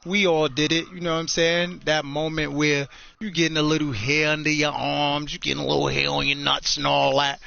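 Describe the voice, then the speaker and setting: A man streaming a game and casually telling a loud, profane story to his listeners. He is from New York. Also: fairly high pitch, flat delivery, fairly quick, creaky. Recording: dull lo-fi stream audio with faint hiss.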